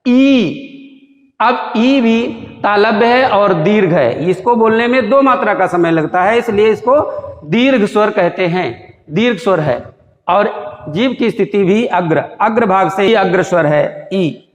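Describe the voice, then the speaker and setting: Echoey Hindi grammar teacher, man, high voice. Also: animated, unhurried. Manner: demonstrates vowel sounds aloud, repetitive and explanatory. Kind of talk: classroom lesson explaining vowel sounds. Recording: echoey room with long reverb.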